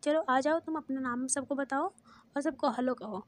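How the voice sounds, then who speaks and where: Kind school teacher, encouraging, high voice, played by the woman narrator. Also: normal speed, lightly acted.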